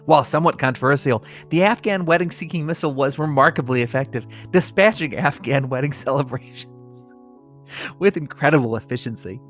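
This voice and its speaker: With soft music in the background, an American comedy podcast host reads mock obituaries in a strained, solemn manner that keeps cracking into suppressed laughter, and also chats casually. His mid-range voice is brisk and a bit bright.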